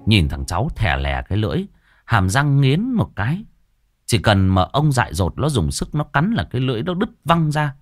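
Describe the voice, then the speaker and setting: A man narrating a ghost story in an expressive, dramatic way. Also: medium pitch, moderate pace, no room sound.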